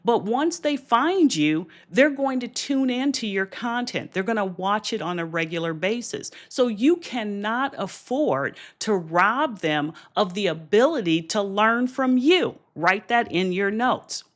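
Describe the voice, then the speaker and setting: A woman's voice: mid-range voice, expressive, a little slow, hardly any pauses. Encouraging woman coaching on a livestream. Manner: encouraging, direct, with restarts and asides to viewers. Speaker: business coach. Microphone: streaming camera setup.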